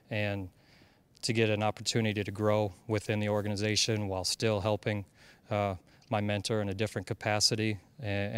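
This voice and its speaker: A man in his thirties from Iowa, a basketball head coach, answers interview questions earnestly in a fairly low, smooth voice, full of fillers and restarts. He speaks into a handheld mic held by the interviewer in front of an indoor media backdrop.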